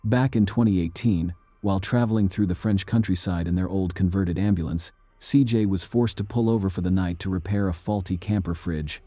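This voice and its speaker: Deep, dark-toned male narrator. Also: no room sound. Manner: measured, ominous storytelling. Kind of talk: scripted narration.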